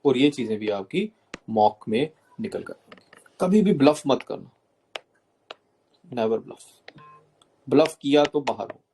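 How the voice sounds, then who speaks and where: A man's voice: mid-range voice, animated, takes it slowly, long pauses, dark tone, slight background noise. A man coaching students for a job interview, explaining step by step, mixing English terms into Hindi and often checking in with "okay?".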